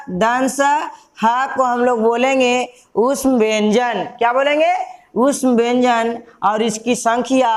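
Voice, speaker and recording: Slow, high-voiced woman teaching grammar. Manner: repeats key terms as questions to students; slow, patient classroom delivery. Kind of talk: Hindi grammar lesson.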